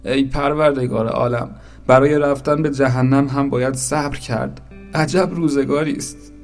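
A man voicing Little Zoraq, a small, stubborn soul who pleads loudly and insistently. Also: mid-range voice, faint music behind, pitched above the performer's own voice, lightly acted. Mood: dejected.

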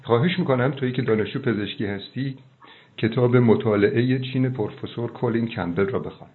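A middle-aged man, a doctor, giving earnest, preachy advice on a phone call, slowing down for emphasis. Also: mid-range voice. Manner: fervent, preachy, slows down for emphasis. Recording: tinny phone line.

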